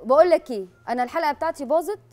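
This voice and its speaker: Egyptian woman TV host, combative and mocking, high voice, very quick. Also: animated, darkish tone. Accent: Egyptian Arabic. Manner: taunting, combative, sarcastic. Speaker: prank show host. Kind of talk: staged heated argument.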